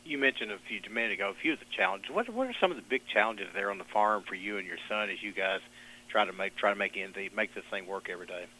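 A man's voice: lowish voice, expressive, fast, bright, forceful tone, slight background noise, rough recording. A man, asking conversational questions as a radio interviewer.

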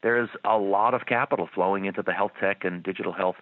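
A man's voice: low-pitched, fairly even intonation, fast talker, no room sound. A man being interviewed as a guest investor, slightly losing his voice, answering thoughtfully with many restarts. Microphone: phone line. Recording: tinny dry phone line.

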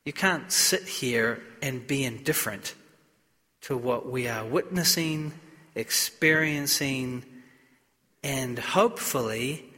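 A man speaking as a priest at a funeral, solemn and measured, in short deliberate phrases, with the cathedral-like echo of a large church. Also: mid-range voice, sharp tone. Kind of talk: solemn gospel reading and funeral homily.

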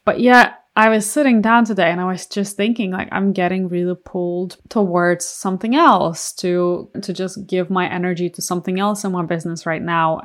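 Young woman coach talking to her podcast, kinda low voice, earnest and confiding, lots of "like". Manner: earnest, confiding, many "like" fillers. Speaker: podcast host, mindset coach. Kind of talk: casual solo podcast monologue.

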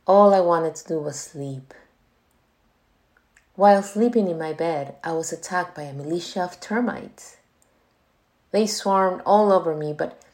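Slow, gravelly-voiced woman storyteller. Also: fairly low pitch. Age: 30s. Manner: calm, wry storytelling. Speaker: podcast host. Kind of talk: reading a personal fairy-tale story.

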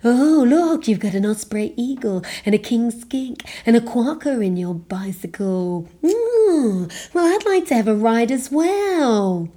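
A woman storyteller voicing a sly snake who wants a ride, in a low, hushed, hissing voice. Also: big pitch swings, unhurried, few pauses. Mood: wistful.

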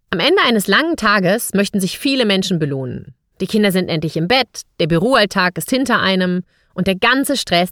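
A woman's voice: mid-range voice, a bit bright, dry recording, studio quality. A woman hosting a podcast, speaking straight to the listener in a scripted monologue full of rhetorical questions. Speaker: podcast host.

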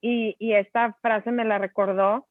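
A woman's voice: a little high, a little slow, no room sound. A woman with a Mexican Spanish accent, chatting casually as a co-host and telling stories with lots of fillers. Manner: chatty, many fillers, animated storytelling. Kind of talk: casual conversation. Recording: tinny phone-like dry sound.

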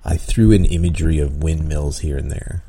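A very deep, mellow voice with a breathy edge, at a moderate pace, belongs to a podcast host and dungeon master. He gives tabletop advice in a casual, meandering style, often chuckling and full of ums and restarts.

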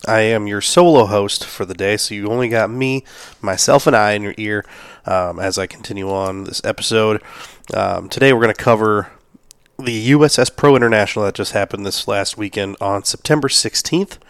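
Sick man with a smooth low voice. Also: normal speed, no room sound. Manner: casual, lots of fillers, shout-outs. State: sick, losing his voice, coughing. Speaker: podcast host. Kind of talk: solo podcast recap.

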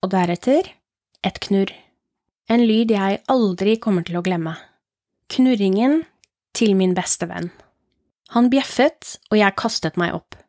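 Woman reading creepy tales on her podcast, slow and hushed, dead dry sound. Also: medium pitch, no room sound. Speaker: horror podcast host. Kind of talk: reading short horror stories aloud.

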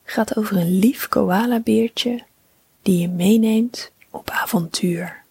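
Slow, whispering woman telling a bedtime story. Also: mid-range voice, gravelly, slightly rough, no echo. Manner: slow, soothing, calm.

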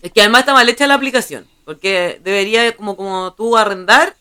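A young woman with a Chilean accent and a bright, tense voice that comes through smooth and crisp. She chats casually with her co-host and throws in teasing, dry remarks. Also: mid-range voice, fast talker. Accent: Chilean Spanish. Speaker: podcast co-host. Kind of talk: casual chat.

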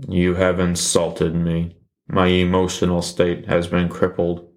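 A man plays a cold killer whose low, slow voice stays at a dead-level monotone and never rises. Every threat comes out with flat, robotic calm, thoroughly deadpan and full of flat menace.

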